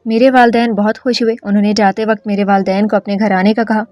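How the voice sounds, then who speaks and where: A woman telling an emotional first-person story in a calm, earnest narration. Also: medium pitch, no room sound, soft background music.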